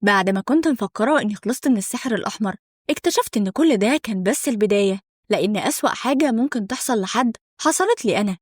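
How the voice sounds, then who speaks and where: A woman's voice: a little high, expressive, rapid-fire, no room sound, clean studio sound. A young woman with an Egyptian accent narrating a first-person story in a conversational, dramatic way.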